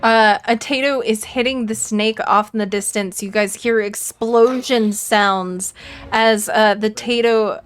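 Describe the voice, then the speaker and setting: A woman narrating as game master of a tabletop game, relaxed and chatty, laughing often. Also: a little high, unhurried, smooth.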